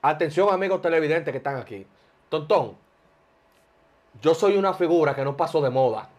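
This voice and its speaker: A man's voice: a little high, expressive, moderate pace. A Dominican man giving a joking interview, boastful and rambling, tossing in broken English. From Dominican Republic. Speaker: interview guest.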